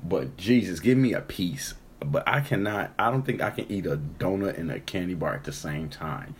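A man's voice: low-pitched, animated, moderate pace, slight background noise. A congested man co-hosting a podcast, chatting loosely and cursing as he jokes. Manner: loose and profane, joking. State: congested, coughing. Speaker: podcast co-host. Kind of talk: casual chat.

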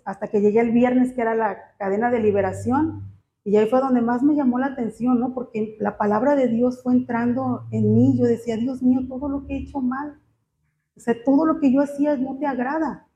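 A woman gives a personal church testimony, speaking in a halting, emotional way with many fillers. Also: fairly high pitch, mellow. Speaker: church member giving testimony. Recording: muffled, slightly noisy.

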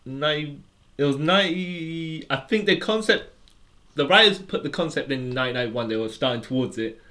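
A man's voice: a little high, lively intonation, normal speed, bright, forceful tone. A man co-hosting a podcast, explaining at length in casual chat with lots of restarts and fillers. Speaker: podcast co-host.

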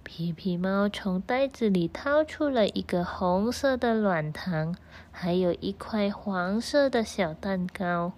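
A woman telling a children's story in a slow, soothing way. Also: mid-range voice, a little mellow.

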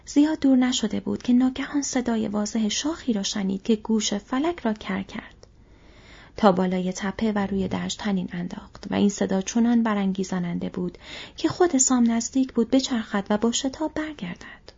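A woman narrating a fantasy audiobook in a soft, hushed storytelling manner. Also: medium pitch. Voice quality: breathy. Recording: dull lo-fi audio.

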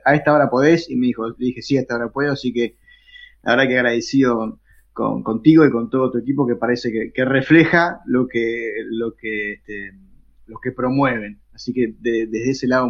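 A man hosting a casual interview chat, speaking in a warm, halting way with frequent restarts. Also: medium pitch. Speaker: host. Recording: dull lo-fi sound.

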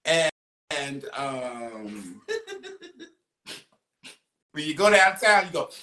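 A woman's voice: very deep voice, very animated, drawn-out words, fairly bright tone. A woman hosting a casual chat show, teasing her guests and laughing often. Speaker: podcast host. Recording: echoey room, distant mic.

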